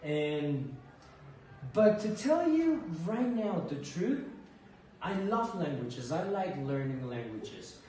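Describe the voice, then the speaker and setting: In a school library full of bookshelves, an Ecuadorian man in his thirties who teaches answers interview questions slowly in a high voice. He's relaxed but hesitant, often repeating words as he gathers his thoughts. A camera across the desk records from a distance, leaving an echoey room sound and faint noise.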